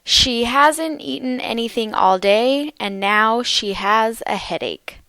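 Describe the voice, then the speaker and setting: A woman teaching English vocabulary, speaking slowly and carefully and repeating words for learners. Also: a little high, expressive, sharp tone, no echo. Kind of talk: slow, clear vocabulary lesson.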